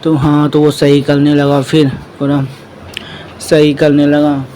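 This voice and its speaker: Young male vlogger, slightly high and monotone, casual retelling, faint street noise. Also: slow, low-quality recording. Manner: plain retelling in a loose, repetitive way. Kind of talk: casual vlog voice-over narration.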